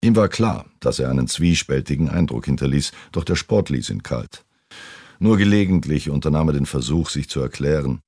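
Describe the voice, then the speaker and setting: A man reading a novel aloud in a steady, unhurried way. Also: rumbling low, no room sound, studio quality. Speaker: audiobook reader.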